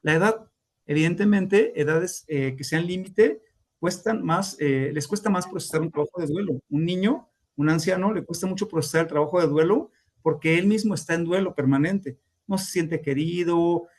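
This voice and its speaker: A man lecturing on grief as a therapist, explaining steps and acting out clients' voices in quotes. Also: on the high side. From Mexico. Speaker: grief therapist teaching a class.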